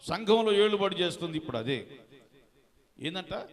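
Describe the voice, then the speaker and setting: A pastor in full sermon mode, urging his congregation to shout back and slipping in English words. His voice sits high for a man. It rings out with a long reverb tail from the church hall. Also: lively intonation, moderate pace. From India. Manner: preaching, calling on the congregation to respond.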